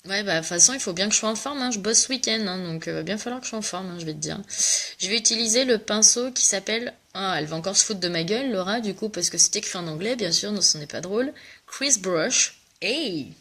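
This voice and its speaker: This young makeup vlogger, who sells cosmetics, talks fast with an animated, fairly bright, medium-pitched voice. She has a cough and keeps the tutorial casual and chatty, making jokes that poke fun at herself.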